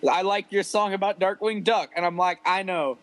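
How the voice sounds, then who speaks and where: A man's voice: sits high, steady tone, normal speed, a bit bright, no echo, poor audio. A man casually telling a rambling, profane story about playing a show with his rap group, full of fillers.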